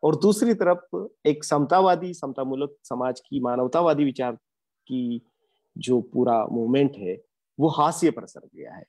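Earnest man lecturing in a lively voice. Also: mid-range voice, unhurried. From India. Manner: earnest, reflective, with frequent hesitations. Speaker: guest lecturer. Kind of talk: academic lecture.

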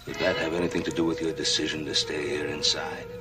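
An actor playing a stern, challenging western rancher who speaks in a deliberate, probing way. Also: male voice, very deep voice, flat delivery, far from the mic, over loud music. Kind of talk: 1950s television western acting.

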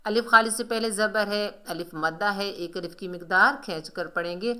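A woman's voice: mid-range voice, moderate pace, pushed and bright. A woman teaching Quran recitation rules, patiently explaining pronunciation step by step and drawing out recited words as examples. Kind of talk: tajweed lesson explaining pronunciation.

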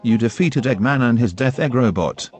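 A man's voice: mid-range voice, normal speed, darkish tone, soft background music, close to an everyday voice. A man voicing an earnest, explanatory animal sidekick in a parody cartoon dub. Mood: encouraging.

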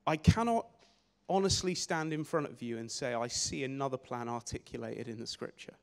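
A young man preaching a sermon on a church stage with a handheld mic, energetic and gesturing, often repeating words as he restarts phrases. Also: mid-range voice, moderate pace, creaky. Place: church stage in a large hall. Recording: long hall reverb.

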